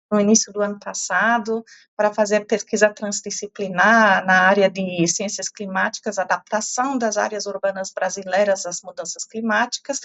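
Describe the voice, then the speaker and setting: A middle-aged woman with a European Portuguese accent, originally from Germany, speaks as a climate science professor in an interview. Her medium-pitched voice comes through a muffled recording, and her thoughtful answers are full of fillers and restarts.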